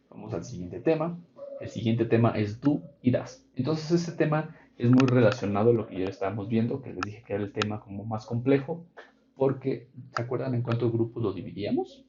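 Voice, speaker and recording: A man's voice: medium pitch, moderate pace, noisy background. A man teaching English grammar in an online class, patiently explaining and checking in with his students. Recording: dull lo-fi online class audio.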